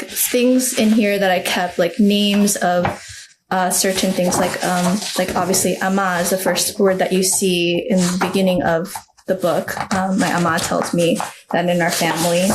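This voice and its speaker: A woman's voice: lowish voice, a little hiss or hum. A young adult woman, a children's book author, talking in a podcast interview in a chatty, reflective way with many fillers.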